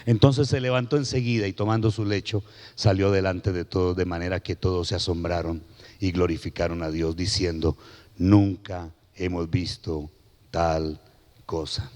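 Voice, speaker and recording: Animated middle-aged preacher, churchy reverb. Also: male voice, low-pitched, brisk. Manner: animated preaching, storytelling with shouted peaks and quiet drops. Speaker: guest pastor. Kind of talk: sermon. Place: church sanctuary. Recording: long hall reverb of a church.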